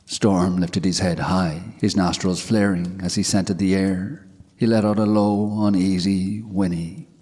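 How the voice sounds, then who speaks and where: A man narrating a scripted ghost story in a measured, hushed way. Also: deep voice, little pitch movement, husky. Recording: long hall reverb.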